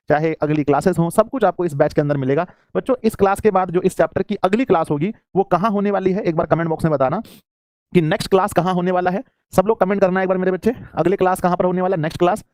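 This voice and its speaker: A man's voice: fairly high pitch, a little mellow, no room sound, studio quality. A man teaching a school class online in Hindi, who calls his students "children" and keeps asking questions that he answers himself.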